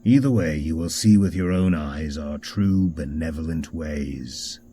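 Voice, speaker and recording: A man narrating a mystery game script in a measured, descriptive storytelling manner. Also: rumbling low, warm tone, slight background noise.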